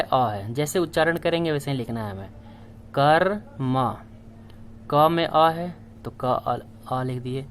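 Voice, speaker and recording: A man's voice: mid-range voice, a little hiss or hum. A man teaching a language lesson, patiently spelling out letters one by one and repeating each word. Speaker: Sanskrit teacher. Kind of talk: slow classroom explanation.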